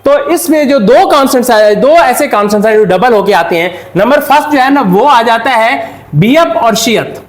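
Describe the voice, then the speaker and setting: A man's voice: extremely high pitch, echoey room. A man with a Pakistani Urdu accent, giving a step-by-step classroom lesson and answering his own questions. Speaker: Korean language teacher.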